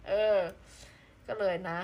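A woman's voice: slow, dull audio. A woman from southern Thailand chatting casually on a live stream, reading out viewer comments in a playful, exclamation-filled way.

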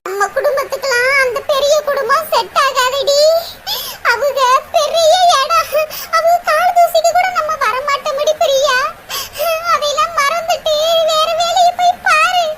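A woman's voice: very high-pitched, measured pace, full character voice. A woman voicing a caring elder sister in a cartoon, tenderly scolding and consoling her younger sister. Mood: firm. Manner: scolding yet tender, half-laughing through sorrow. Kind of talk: cartoon voice acting. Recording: loud background noise.

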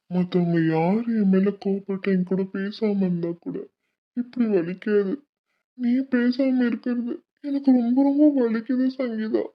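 A woman voicing a loving young adult man who gently pleads with his younger sister in an animated cartoon. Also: mid-range voice, lightly acted. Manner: tender, pleading, emotional. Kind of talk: dubbed animation voice acting. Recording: dull lo-fi recording.

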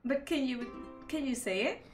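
A woman's voice: high voice, expressive, normal speed. A woman streaming a co-op cooking game with friends, talking in a giggly, bemused, playful way. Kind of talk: casual gaming chat. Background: game music.

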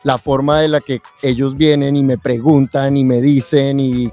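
At an indoor convention booth, a man who is a tax lawyer and accountant casually tells his own story as an interview guest. His mid-range voice is warm and flat, at normal speed, picked up by a close boom-arm mic with headset, with faint music in the background.

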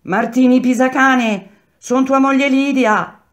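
A woman voicing a desperate young wife loudly calling up to the prison bars. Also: sits high, slow pace, pitched above the performer's own voice. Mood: desperate shouting. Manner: loud calling, straining.

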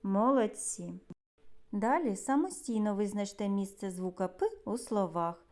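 Female kindergarten teacher, Ukrainian accent, unhurried and deliberate, sounds out words for small children. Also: medium pitch, a little mellow. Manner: stretches words, repeats them slowly for children. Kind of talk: slow, clear literacy lesson for young children.

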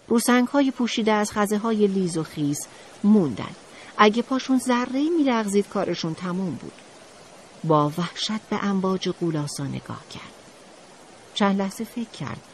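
A woman narrating a children's audiobook in an expressive, dramatic storytelling manner. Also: mid-range voice, slight background noise.

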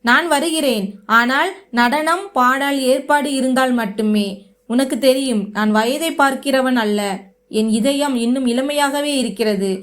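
A bossy, scheming old grandfather gives orders in a spoken story, voiced by a woman narrator. The voice sits high, with little change from the narrator's own. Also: measured pace, a bit bright. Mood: boastful. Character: old domineering lecherous grandfather.

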